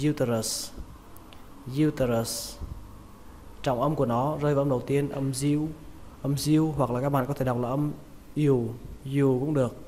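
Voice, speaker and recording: Vietnamese man drilling pronunciation slowly. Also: medium pitch, a little mellow. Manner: repeats each word slowly, stressing syllables. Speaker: English teacher. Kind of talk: pronunciation lesson. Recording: reverberant room with faint noise.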